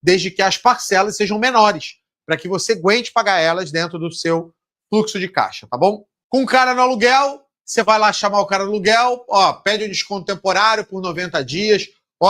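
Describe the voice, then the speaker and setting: A man's voice: high voice, pushed and bright. A man with a Brazilian accent coaching supermarket owners in a live seminar, blunt and swearing, acting out talks with suppliers and banks. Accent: Brazilian Portuguese. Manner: blunt, swears, acts out dialogues.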